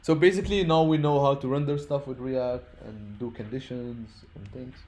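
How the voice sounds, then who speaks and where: A man with a medium-pitched, fairly even voice teaches programming informally at a moderate pace, sounding a little mellow on a low-quality recording. English is his third language, not his first, so he explains step by step, repeats words, and checks that people are following.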